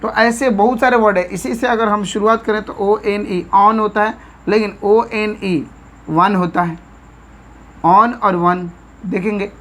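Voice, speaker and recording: A woman with an Indian accent and a medium-pitched voice teaches an English vocabulary lesson. She spells words out letter by letter and often checks in with "theek hai."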